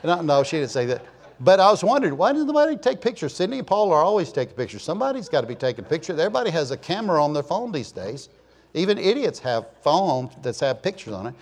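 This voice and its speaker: Folksy sixty-something preacher with a lightish voice. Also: male voice, a little high, big pitch swings, quick pace. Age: 60s. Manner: joking storyteller, chatty asides to the congregation. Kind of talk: folksy, rambling sermon talk.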